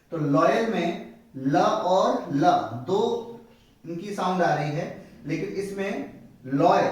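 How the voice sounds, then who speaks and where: A man teaching a step-by-step lesson, slow and explanatory, repeating each word as he writes it. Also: sits high. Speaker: shorthand teacher. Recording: very echoey room, a bit distant from the mic.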